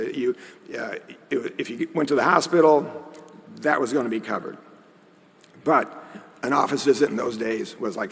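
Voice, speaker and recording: A man's voice: mid-range voice, a bit bright, slightly rough. A man giving a conference lecture in a conversational way, with joking asides. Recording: long hall reverb.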